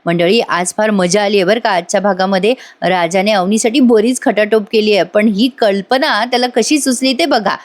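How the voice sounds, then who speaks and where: Woman review host, brisk recap, voices the characters herself. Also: medium pitch. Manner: retells scenes, acting out the characters' lines. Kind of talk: casual spoken episode recap.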